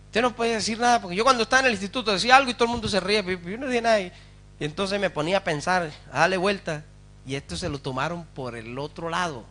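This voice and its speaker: A man's voice: high-pitched, very fast, bright, forceful tone. A man, a pastor, preaching a sermon with fervour, calling out to his congregation for responses and asking rhetorical questions.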